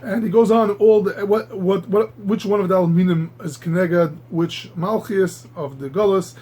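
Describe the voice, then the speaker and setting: Husky man teaching an animated Talmud class. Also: sits high. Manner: halting, repeats words while reaching for the next; animated, marvels aloud at the text. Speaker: Torah teacher.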